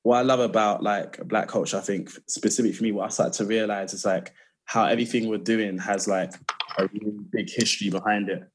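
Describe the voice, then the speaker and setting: A man with a lowish voice speaks as an interview guest. He is casual and reflective, feeling his way through each thought. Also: steady tone, fairly quick, slightly rough. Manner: hesitant, thinking aloud. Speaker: podcast guest.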